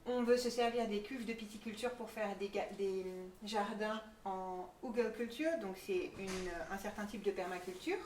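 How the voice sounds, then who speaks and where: Female presenter, informal and conversational, medium pitch; reverberant room with faint noise. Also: moderate pace, few pauses, a little mellow. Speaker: project presenter. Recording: echoey room, distant mic, faint noise.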